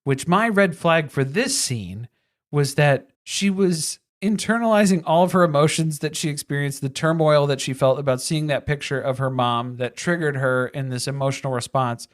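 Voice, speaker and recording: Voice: mid-range voice, moderate pace. A podcast co-host recapping a movie in loose, rambling chat with wry side jokes.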